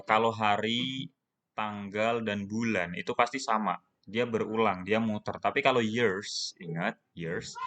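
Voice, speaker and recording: Male teacher with Indonesian accent, lowish voice, patient self-answering explainer for a recorded class. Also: a bit bright. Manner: explains patiently, asks and answers his own questions. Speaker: English teacher. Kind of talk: recorded online class lesson.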